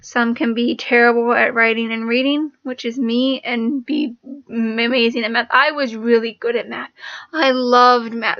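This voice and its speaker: Young woman vlogger, fairly high but flat delivery, rambling with restarts; dry, slightly dull recording. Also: no echo. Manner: rambling, with many restarts and fillers. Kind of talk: casual personal talk to camera.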